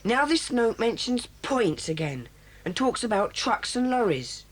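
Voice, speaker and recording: A medium-pitched, sing-song voice, a little slow, portrays the serious, bossy leader of a children's club in a 1980s kids' audio drama. He issues his lines earnestly, formally, and with authority. The recording sounds rough.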